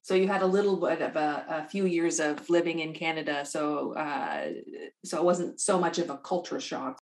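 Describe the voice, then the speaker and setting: Low-voiced woman interviewer. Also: fairly even intonation, normal speed, darkish tone. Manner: hesitant, restarts questions. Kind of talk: casual interview questions.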